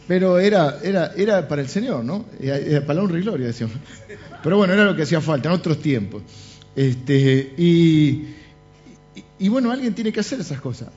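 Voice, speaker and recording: With a voice on the high side and a fairly quick pace, a middle-aged Rioplatense preacher entertains his church with humorous stories, jokes, and asides. Faint music sits under dull, lo-fi audio.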